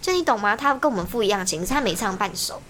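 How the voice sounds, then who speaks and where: A young woman, chatting on a podcast in an animated, ranting way and laughing often. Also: mid-range voice, rapid-fire, a little hiss or hum. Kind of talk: casual chat.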